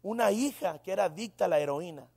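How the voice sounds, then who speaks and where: Man, pastor, high voice, animated sermon storytelling. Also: fast, breathy edge. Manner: animated storytelling with frequent exclamations.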